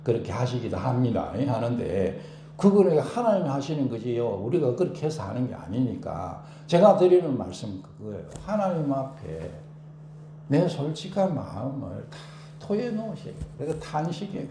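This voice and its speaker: A male pastor preaching a sermon in an animated way, acting out prayers and shouting for emphasis. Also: mid-range voice, normal speed, echoey room, a little hiss or hum. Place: church.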